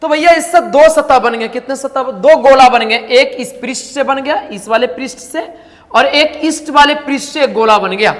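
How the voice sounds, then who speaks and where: High-voiced man teaching in a reverberant room. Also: normal speed, a bit bright. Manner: asks rhetorical questions and answers them himself, repeats phrases. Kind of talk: classroom-style lecture.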